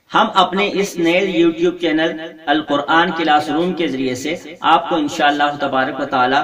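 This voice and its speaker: A man teaching Quran reading, patiently explaining the pronunciation word by word and chanting verses slowly. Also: a little high, recorded from a distance. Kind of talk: Quran lesson with slow chanted recitation.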